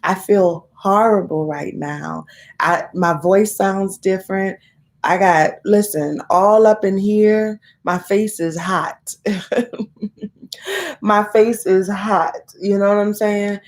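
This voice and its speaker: A vlogger in her thirties hosts a live stream while congested with a cold. Her medium-pitched voice moves slowly as she rambles candidly to viewers and swears casually.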